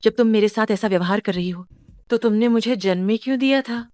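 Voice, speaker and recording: A woman voicing a young female employee in a dubbed drama, calm and firm under pressure. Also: on the high side, brisk, no echo, clean studio sound, close to an everyday voice.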